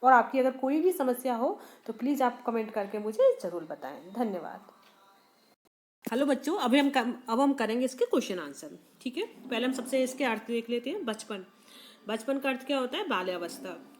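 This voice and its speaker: A woman teacher with a high voice explains a poem to her students. She rephrases each line and often restarts it. She keeps asking what a word means and then answers the question herself. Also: sing-song, normal speed, a little mellow, a little hiss or hum. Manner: repeats and rephrases lines with small restarts. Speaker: Hindi teacher.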